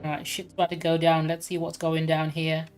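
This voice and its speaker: A woman's voice: low voice, completely flat delivery, a little fast, darkish tone, faint music behind. Chatty woman streaming a game. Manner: chatty, laughs often, talks to chat. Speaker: gaming streamer. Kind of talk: casual live-stream commentary.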